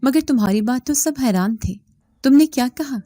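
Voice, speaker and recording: A woman voicing a lively young college friend who teases and laughs, in a storybook reading over a dry recording with faint music. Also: high voice, normal speed, no room sound, pitched above the performer's own voice. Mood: teasing. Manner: bubbly, laughing.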